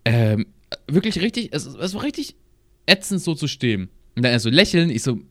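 A man's voice: mid-range voice, very animated, brisk, no echo, clean studio sound. Slangy young man telling a rambling story. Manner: slangy, rambling anecdote with acted-out quotes. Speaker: podcast co-host. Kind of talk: casual chat, storytelling. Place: at his home computer.

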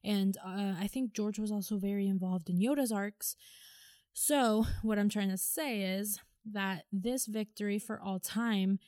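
A woman's voice: mid-range voice, fairly even intonation, a little slow, dark tone, no echo, studio quality. A young woman co-hosting a casual fan podcast, rambling with lots of fillers and restarts. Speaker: podcast co-host.

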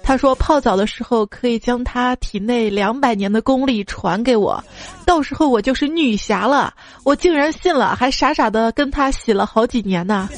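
A woman's voice: on the high side, moderate pace, soft background music. A woman hosting a podcast, reading out funny listener stories in a playful way and laughing at her own material. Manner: acts out the quoted parents. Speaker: podcast host.

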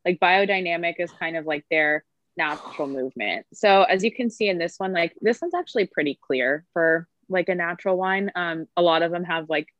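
A woman's voice: on the low side, a little fast, a bit bright, dry recording. Lady sommelier rambling about wine on a podcast, lots of "like" and "you know", muffled sound. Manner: chatty, frequent fillers and laughter. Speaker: sommelier guest. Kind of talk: casual podcast chat.

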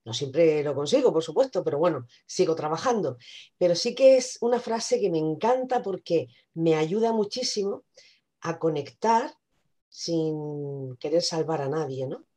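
A woman sharing her reflections in a measured way during a casual group discussion. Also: low-pitched, expressive, dark tone.

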